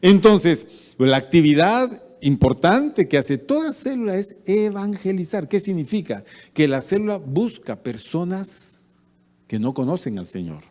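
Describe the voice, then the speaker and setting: Animated male pastor in a reverberant church. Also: high voice, measured pace. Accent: Peruvian Spanish. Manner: animated preaching with acted-out anecdotes. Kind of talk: sermon. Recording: church hall with long reverb.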